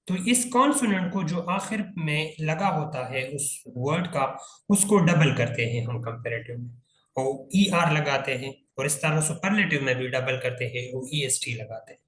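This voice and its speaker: A man's voice: a little high, fairly bright tone, reverberant, low-quality recording. A man teaching an English grammar lesson, spelling words out letter by letter and asking his listeners checking questions.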